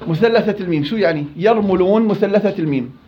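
A high-voiced Quran recitation teacher with a Levantine Arabic accent questions his class, offers praise for correct answers and stretches example words out slowly. The classroom recording has its upper frequencies cut off.

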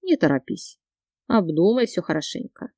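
A woman's voice: fairly low pitch, husky, no echo, studio quality. Woman voicing a cool calculating wealthy man. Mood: cold. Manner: calm, measured. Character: calm, wealthy, calculating middle-aged man.

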